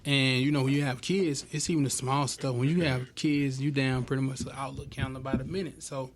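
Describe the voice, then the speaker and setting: A man's voice: medium pitch, fairly even intonation, fairly quick. A man chatting casually and colloquially in a group discussion. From small town in Georgia, US. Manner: conversational, colloquial.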